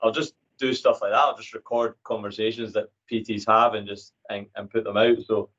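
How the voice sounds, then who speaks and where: A man's voice: fairly low pitch, little pitch movement, brisk, fairly bright tone, muffled recording. A man hosting a fitness podcast in an easygoing way, full of "kinda" and "stuff like that". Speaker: podcast host, fitness coach.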